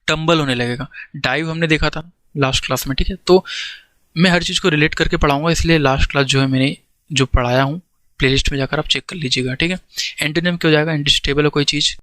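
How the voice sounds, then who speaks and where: Male tutor, slightly high voice, dry close sound; explains words in Hindi, reads definitions slowly. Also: fairly even intonation, fairly bright tone, dry recording. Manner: explains in Hindi with English words, frequent "ठीक है?" check-ins; slow, deliberate reading of English definitions. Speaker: English vocabulary teacher. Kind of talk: exam-prep vocabulary lesson.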